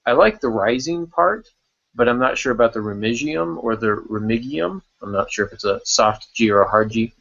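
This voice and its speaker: In unscripted, casual talk about writing craft, a podcast host thinks aloud and repeats words along the way. He sounds animated at a moderate pace, with a medium-pitched, creaky, fairly bright voice, though the recording cuts off the highs.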